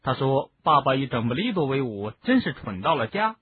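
A man reading an audiobook, voicing a gossipy, indignant teenage boy wizard in a husky voice. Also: mid-range voice, big pitch swings, fairly quick. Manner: chatty, explaining at length. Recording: narrow phone-like lo-fi sound.

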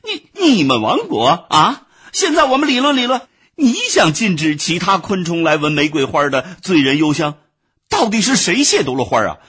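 A man voicing a hot-tempered boy who has become an ant, arguing loudly and in exasperation in a storybook reading. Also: high-pitched, huge pitch swings, normal speed, slightly rough, voice pushed up, exaggerated voice. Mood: furious. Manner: blustering, loud and exasperated.

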